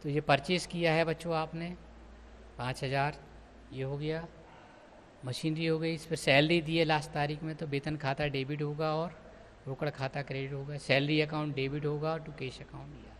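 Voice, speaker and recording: A man with a slightly high voice teaches an accountancy class in speech. He walks his students through each entry step by step, calling them children, over a faint hum of room noise. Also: little pitch movement, normal speed. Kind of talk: classroom lecture.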